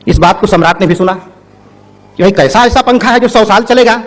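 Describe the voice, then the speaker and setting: High-voiced guy telling a story in a speech, chatty, says things twice. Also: a little fast. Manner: plain conversational storytelling with repeated phrases. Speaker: public speaker.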